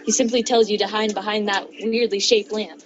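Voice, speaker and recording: A young woman reads fan fiction aloud to her friends, giggling, stumbling over words and tossing in joking asides, her medium-pitched voice fairly even in intonation and a little fast. A dull lo-fi mic picks up her friends chattering and laughing clearly in the background.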